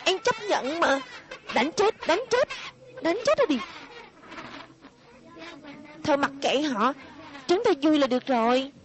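Mischievous schoolchildren from a cartoon dub, chattering excitedly and cheekily, as a woman voices them. The voice is high and bright in pitch. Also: normal speed.

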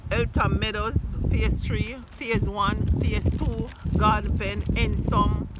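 A woman's voice: medium pitch, steady tone, takes it slowly. A woman with a Jamaican accent answering interview questions outdoors in an earnest, proud way. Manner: earnest and proud, lists things plainly. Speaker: guest and local donor. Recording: loud outdoor noise.

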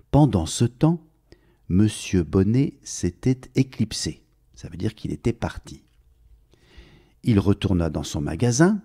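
A man reading a children's story aloud, speaking gently and addressing the child listener directly. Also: on the low side, husky.

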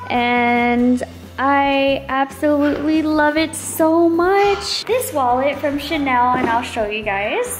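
A woman chatting casually to her vlog audience, excited and giggly. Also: sits high. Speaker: vlogger wife. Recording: loud music bed over voice.

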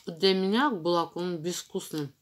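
Brief: woman, lowish voice, chewing chalk mid-sentence, slow searching tasting commentary, recorded on a phone. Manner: slow, searching, describes taste in detail. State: chewing chalk while talking. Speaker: mukbang vlogger.

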